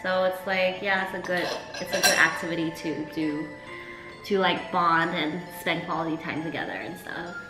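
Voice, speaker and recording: A young woman chats informally, musing aloud as a co-host. The room is noticeably echoey. Music plays clearly behind her, along with clinks of cutlery. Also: fairly low pitch, steady tone, normal speed. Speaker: co-host of a food show. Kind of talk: casual chat.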